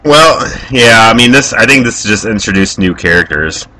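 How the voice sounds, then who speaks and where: A man in casual chat about a movie, relaxed and conversational, adding plot details. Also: fairly low pitch, moderate pace, a crowd in the background.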